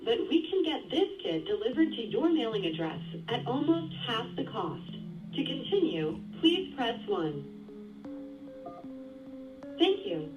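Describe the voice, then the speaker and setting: A recorded phone message in a woman's fairly high, lively voice. She reads a scripted automated menu in a polite, measured way and gives callers step-by-step instructions. The sound is distant and phone-like, with music behind it.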